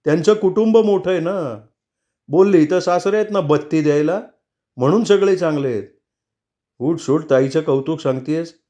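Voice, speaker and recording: A curt, stubborn young husband snaps in a raised, sharp voice, as a male storyteller puts him on. The voice sits well above the reader's own. Heard in a novel being read aloud. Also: sits high, brisk, voice pushed up, close to an everyday voice. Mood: angry.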